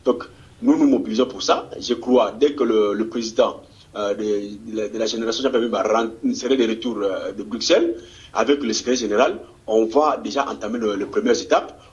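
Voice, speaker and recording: A man's voice: on the low side, fairly quick. Fervent man, lo-fi sound. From DR Congo. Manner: fervent and rousing, stumbles and repeats words. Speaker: political activist guest. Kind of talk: political interview answer. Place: Congolese diaspora community in Australia. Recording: dull lo-fi TV recording.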